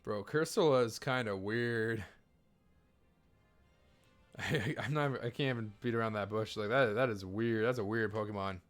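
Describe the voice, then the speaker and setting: Laid-back low-voiced male game streamer. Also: normal speed, long pauses, soft background music. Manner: rambling, self-correcting, laid-back. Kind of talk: casual live-stream chat while trading in a game.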